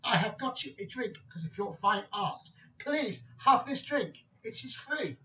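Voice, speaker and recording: A man putting on a fawning barman who gushes in a voice pitched well above his own. He sounds eager, and the recording is slightly muffled and distant. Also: lively intonation, unhurried, sharp tone, heavily acted. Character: eager, admiring male barman.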